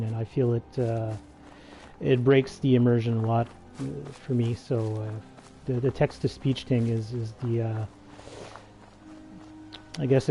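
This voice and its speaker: A man's voice: mid-range voice, mellow. A man streaming a game, giving casual, hesitant commentary with many fillers and restarts. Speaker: gaming livestreamer.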